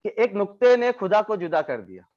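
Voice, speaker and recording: A man with a high voice leads a training session over a video call and explains each point patiently, turning to his listeners as friends again and again. The audio sounds dull and lo-fi. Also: big pitch swings, moderate pace, a little mellow. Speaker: network marketing trainer. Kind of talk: online training talk.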